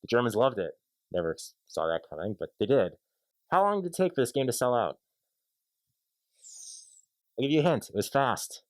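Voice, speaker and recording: A man's voice: medium pitch, animated, normal speed, pauses often, dry recording. A man hosting a comedic sports debate show, teasing and playful with the panel. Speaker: host.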